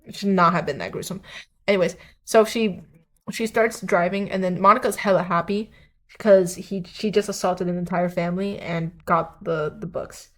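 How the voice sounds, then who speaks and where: A woman's voice: fairly low pitch, fairly even intonation, normal speed, a bit bright. A woman giving a profane, rambling, unscripted talk about a comic with many restarts. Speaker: video creator.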